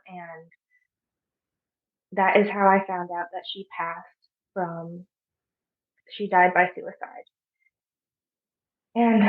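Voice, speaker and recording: Soft-spoken young woman on a tinny line. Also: medium pitch. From Arizona, USA. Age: 20s. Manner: soft, halting, with frequent pauses. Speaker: podcast guest. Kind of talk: personal storytelling. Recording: phone-like narrow sound.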